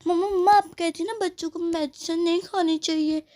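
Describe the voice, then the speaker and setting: A woman's voice: extremely high pitch, steady tone, a little fast, mellow. A woman voicing a sneaky tattletale girl doll who schemes and talks asides to herself, in a doll play story.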